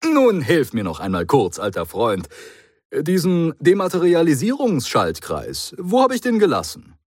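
A man's voice: a little high, huge pitch swings, measured pace, no room sound, clean studio sound, pitched above the performer's own voice, full character voice. A man voicing an eccentric, cheerful alien time traveller who talks in a breezy, theatrical, joking way. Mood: eager.

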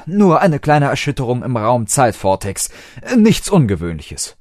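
A man's voice: mid-range voice, sing-song, unhurried, a little mellow, no room sound, voice pushed up. An eccentric male time traveler, as a male storyteller puts him on, bursts out in raised, bubbly exclamations. The voice sits well above the reader's own and swoops around. It sounds dry and close. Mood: breezy. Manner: exclamatory, breathless enthusiasm.

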